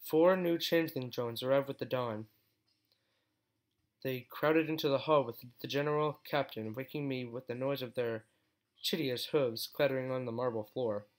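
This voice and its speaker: A man reading a fan story aloud as steady first-person narration, with occasional slips. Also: mid-range voice, normal speed. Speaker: fan fiction reader.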